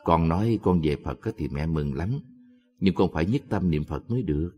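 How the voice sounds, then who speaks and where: A man voicing a worried, devout elderly mother who speaks softly and pleadingly. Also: deep voice, expressive, moderate pace, voice pushed down. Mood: gentle. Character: worried devout old mother, soft-spoken. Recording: long hall reverb.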